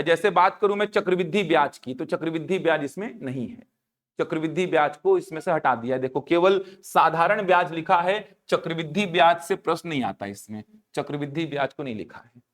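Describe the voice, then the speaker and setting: A male coaching teacher, explaining a syllabus in a classroom-lecture manner. His voice sits notably high for a man. He keeps pausing to ask whether students are following. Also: fairly bright tone.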